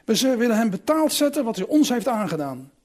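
A man's voice: very high-pitched, sing-song, brisk, darkish tone. A man reading a Bible story aloud, voicing hostile Philistine soldiers in a stern, raised voice. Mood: threatening.

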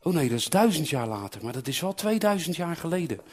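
A man telling a Bible story to children in an animated way, asking them questions and acting out the voices of the characters. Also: on the high side, fast talker, slightly rough. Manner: animated, acts out characters' voices and calls, asks the listeners questions.

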